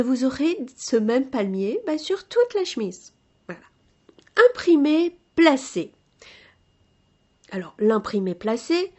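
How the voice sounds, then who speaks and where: A woman hosting a podcast, reading out textile terms and explaining them in a relaxed, joking way. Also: mid-range voice. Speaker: podcast host teaching textile vocabulary. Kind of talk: casual spoken vocabulary lesson.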